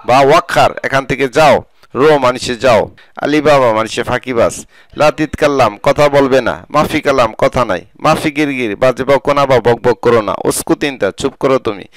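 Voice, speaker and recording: A man with a Bangladeshi Bengali accent gives a scripted vocabulary lesson, saying each word and then its meaning in slow, measured steps. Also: medium pitch, no echo, low-quality recording. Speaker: Arabic language teacher.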